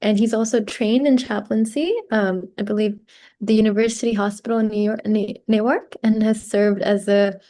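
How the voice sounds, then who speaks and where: A woman hosting an online group over a video call. Her voice is mellow and mid-pitched, and she talks in a relaxed, easy way. She fills her pauses with frequent ums. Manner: friendly, loose, with many filler ums. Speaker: host.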